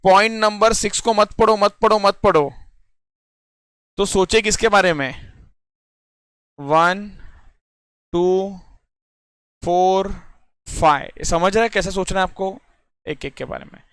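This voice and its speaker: A man's voice: high-pitched, slow, pauses often, fairly bright tone, clear, resonant tone, dry recording, clean studio sound. A young man teaching a puzzle lesson in Hindi mixed with English in an Indian accent, explaining step by step and often asking if students follow. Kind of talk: classroom lecture on reasoning puzzles.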